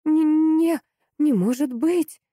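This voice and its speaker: A woman reading an audiobook, voicing a flustered, tipsy housekeeper who babbles in a shrill voice. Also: normal speed, dark tone, no room sound, clean studio sound, close to an everyday voice. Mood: terrified.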